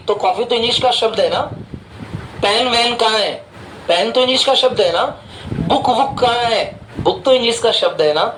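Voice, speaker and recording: A man teaching an English lesson in Hindi, asking playful rhetorical questions and slowly spelling words out for dictation. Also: very high-pitched, fairly bright tone, reverberant, slight background noise, low-quality recording.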